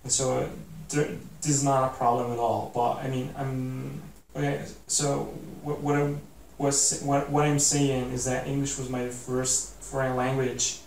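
Completely flat and measured, his darkish mid-range voice carries vocal fry and hardly any pauses. He's a twenty-something Italian vlogger seated in an armchair, earnestly rambling through a motivational chat to camera with frequent "like"s and restarts, recorded on a camera mic a few feet away that adds echo and faint hiss.

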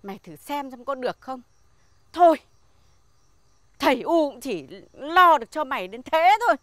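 A woman's voice: sits high, big pitch swings, normal speed, no echo, studio quality. An actress playing a stern older woman, the mistress of the house, scolding a servant in harsh words.

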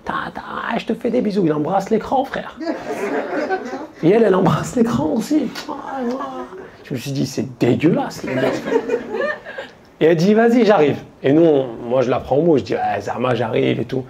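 A man doing stand-up, telling a story in a casual, slangy way to a live audience, quoting his friends in quick asides. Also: fairly high pitch, animated, vocal fry, crowd noise. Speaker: stand-up comedian. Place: stage before a live audience.

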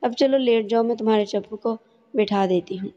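A teasing, coy young maid, read out by a woman storyteller. The voice is warm and mellow, and the dull, lo-fi recording carries a long reverb tail. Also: on the high side, natural voice.

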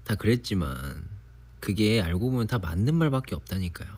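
A young man in his twenties, relaxed and chatty on a sleepy late-night livestream, teasing himself for nagging like an elder. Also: fairly low pitch, moderate pace, husky. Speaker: idol livestream host. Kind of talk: casual livestream chat. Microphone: phone or device mic, voice-only live.

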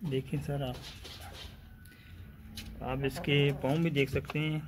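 A man's voice: medium pitch, flat delivery, background noise. A man, a poultry breeder hosting his channel, walking through a small chicken coop with a handheld phone. He talks casually and hesitantly, often adding "ji" and "mashallah". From Pakistan. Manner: repeats filler "ji" and "mashallah", hesitant pauses. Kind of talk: casual sales walkthrough video. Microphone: phone camera held while filming.

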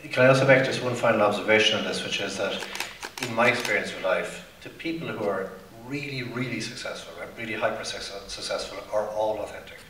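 A man presses home a final point on a panel, insistent and quick, with a low and forceful voice. He sounds distant in a reverberant hall, with faint noise behind him. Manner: emphatic, insistent, repeats "right". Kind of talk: conference panel remark.

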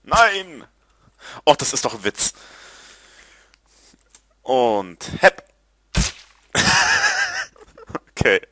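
A man giving casual gameplay commentary, excitable and quick to curse, yelping at his failures. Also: mid-range voice, no echo. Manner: excitable, yelps and groans at failures. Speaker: let's player.

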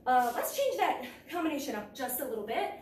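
A young woman coaches a kickboxing session in a big indoor martial arts gym, exerting herself and calling moves in short, clipped cues. She talks a little fast in a high voice with big pitch swings, recorded noisily by a camera far across the echoing room.

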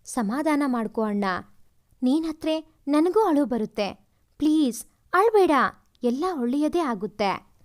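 A woman's voice: high voice, animated, unhurried, pauses often, a little mellow. A woman voicing a caring younger sister who anxiously coaxes her brother to say why he is crying. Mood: worried. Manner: coaxing, concerned.

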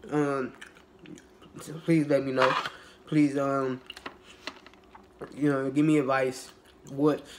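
A young man in a casual mukbang vlog, who rambles in a relaxed, low-energy way with lots of fillers and restarts and has a cold. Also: a little hiss or hum. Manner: low-energy, laid-back. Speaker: YouTuber.

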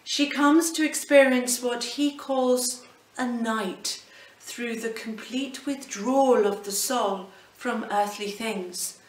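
A middle-aged woman, a cathedral canon, giving a reflective devotional talk with slow, gently emphatic delivery, speaking at medium distance from the camera in an indoor hallway. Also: on the high side, slight background noise. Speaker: cathedral canon presenting a series. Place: indoor hallway at the foot of a staircase. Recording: roomy echo, voice a little off-mic.

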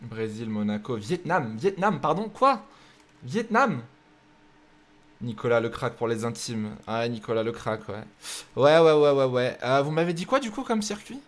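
A man's voice: mid-range voice, animated, normal speed. A young man streaming live, chatting casually with his viewers and joking while he sets up racing games. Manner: joking, chatty, thinks aloud while setting up races. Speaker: streamer hosting a racing game night.

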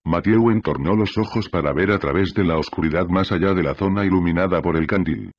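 A man narrating a novel in a steady, measured audiobook reading. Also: low-pitched, dry recording, dull audio.

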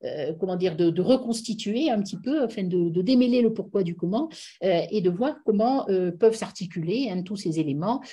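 A woman's voice: medium pitch, animated, fairly quick, warm tone, slightly rough. A middle-aged woman giving an online lecture on song lyrics over a video call, digressive and full of hesitations. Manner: digressive, many hesitations and fillers.

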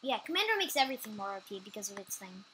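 A woman chatting casually while playing a computer game at home, quick to agree and often trailing off mid-sentence. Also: medium pitch, sing-song, bright, forceful tone, a little hiss or hum, low-quality recording. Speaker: gameplay channel co-host. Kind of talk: casual gameplay chat.

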